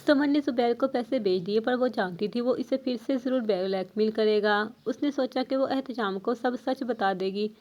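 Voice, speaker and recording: Woman reading a novel out loud, steady and even, kinda high voice. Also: hardly any pauses, dull audio. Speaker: narrator. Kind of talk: reading an Urdu novel aloud.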